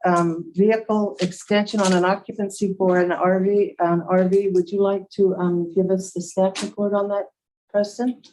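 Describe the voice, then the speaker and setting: A woman's voice: medium pitch, little pitch movement, moderate pace, darkish tone, slight background noise, low-quality recording. A woman who serves as mayor, chairing a council meeting and asking direct questions.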